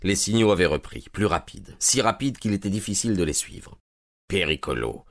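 A man narrating an audiobook in a steady, measured way. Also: lowish voice, no room sound.

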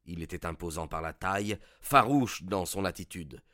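A man reads a classic detective tale in a measured, suspenseful way. His voice sits low and the recording is dry and close, with no room sound around it. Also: animated, bright, forceful tone, dry recording. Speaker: narrator. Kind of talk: scripted narration of a detective story.

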